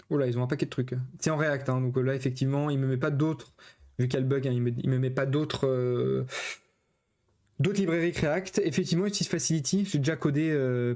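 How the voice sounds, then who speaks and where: A man's voice: medium pitch, warm tone. A man from France casually commenting on his screen as a web developer, thinking aloud with many hesitations.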